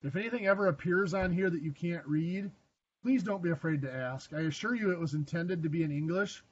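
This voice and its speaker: A man's voice: a little high, fairly quick, lo-fi sound. A man teaching a math lesson to a class, quizzing students and making dry, self-deprecating jokes. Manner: asks the class questions. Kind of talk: classroom lecture.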